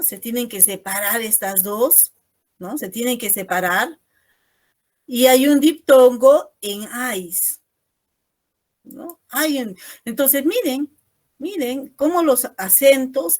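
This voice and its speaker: A woman teacher giving an online class over a video call, explaining patiently and ending most phrases with a questioning "no?". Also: fairly high pitch.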